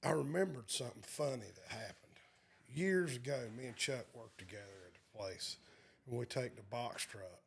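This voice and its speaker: A man's voice: medium pitch, moderate pace, vocal fry. A man with a Southern accent, making dry wisecracks in a casual chat.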